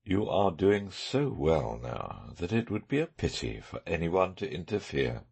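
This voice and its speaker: A man voicing a brilliant, self-assured male detective with dry, measured sarcasm in an audiobook. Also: sits low, very animated, vocal fry, darkish tone, breathy edge, pitched below the performer's own voice, full character voice.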